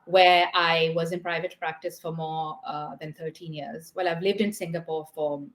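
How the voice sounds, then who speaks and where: Woman from Pakistan, roomy low-toned webinar voice. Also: fairly even intonation, moderate pace. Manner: thoughtful, explains step by step with frequent fillers. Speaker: guest art therapist. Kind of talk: explanatory interview talk. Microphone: video call.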